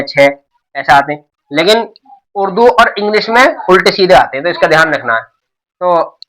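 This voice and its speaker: A man's voice: high voice, a bit bright, low-quality recording. A middle-aged man teaching a beginners' alphabet lesson, explaining patiently and repeating himself often. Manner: patient, repetitive explaining with many restarts. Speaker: Urdu teacher. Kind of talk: classroom-style alphabet lesson.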